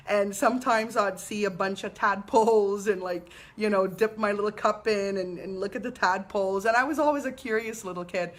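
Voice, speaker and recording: A woman, a spiritual teacher hosting a live weekly talk, telling stories in an unhurried, reverent way. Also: medium pitch. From Trinidad and Tobago. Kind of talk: live-streamed personal talk.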